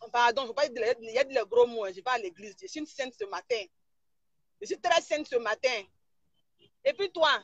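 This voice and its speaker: A woman's voice: high voice, fairly bright tone, no room sound, muffled recording. A woman blogger, ranting mockingly and insulting someone during a live stream. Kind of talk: live-stream gossip rant.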